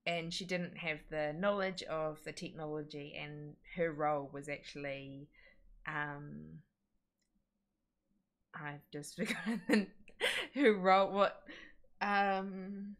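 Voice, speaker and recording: A woman's voice: low voice, steady tone, takes it slowly. A woman co-hosting a livestream, talking casually in a friendly, chatty way. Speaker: livestream co-host.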